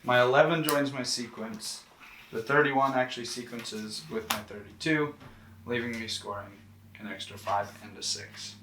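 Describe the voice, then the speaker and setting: A man's voice: medium pitch, normal speed, noisy background. A man playing a card game, gleefully teasing the other players as he explains his own scoring. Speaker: player at the table. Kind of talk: casual banter during a game. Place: indoors at a game table. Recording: distant voice in echoey room.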